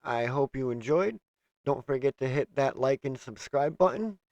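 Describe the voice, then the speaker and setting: A man's voice: medium pitch, lively intonation, moderate pace, a little mellow, no echo. A man hosting a casual wrestling review, steadily running through a list of news items. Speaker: host.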